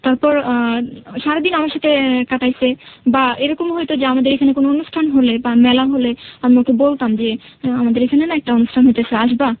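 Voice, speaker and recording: This radio show guest, a woman with a Bangladeshi accent, tells her personal story in a high voice that stays fairly even and moves fairly quickly. She hesitates and repeats things to get her point across, heard through phone-quality sound.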